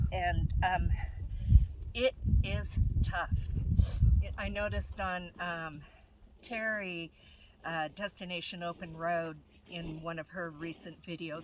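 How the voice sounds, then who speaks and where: An older woman chatting casually on a vlog, short of breath in thin high-altitude air and halting as she searches for words. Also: noisy background. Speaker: vlogger. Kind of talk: casual rambling vlog chat.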